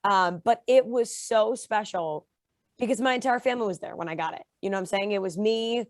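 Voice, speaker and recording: A young woman guest in a casual interview, telling her story with lively pitch jumps when she acts out quotes. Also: brisk, no room sound. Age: young adult. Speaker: interview guest, reality show contestant.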